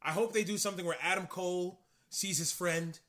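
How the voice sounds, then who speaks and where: A man co-hosting a casual wrestling podcast, acting out matches and promos with sudden loud bursts. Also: sits high, steady tone, fairly quick. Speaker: podcast co-host.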